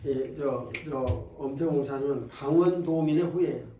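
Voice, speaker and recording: A man's voice: medium pitch, moderate pace, recorded from a distance, dull audio, a little hiss or hum. A man with a Jeolla accent, preaching a sermon at a revival meeting in a folksy, joking way that teases the congregation. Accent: Jeolla Korean. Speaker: pastor. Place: church sanctuary. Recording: echoey church hall from off-mic.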